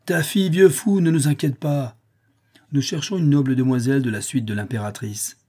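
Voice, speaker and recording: A man's voice: medium pitch, fast talker, slightly rough, natural voice. A man voicing a menacing, mocking male centurion in a storybook reading, barking orders. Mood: commanding. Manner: commanding, loud.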